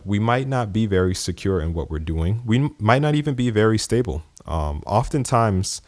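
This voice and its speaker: Deep and a bit dark in tone, a podcast host from the US East Coast rambles casually through a monologue, dropping fillers and chuckling as he goes. The recording is dry.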